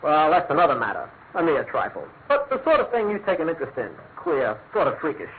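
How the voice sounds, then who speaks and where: Lively, self-assured police inspector, tinny radio. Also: male voice, a little high, quick pace. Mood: offhand. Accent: British. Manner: clipped, confident, matter-of-fact. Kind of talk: classic radio mystery drama acting. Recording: tinny, noisy old radio recording.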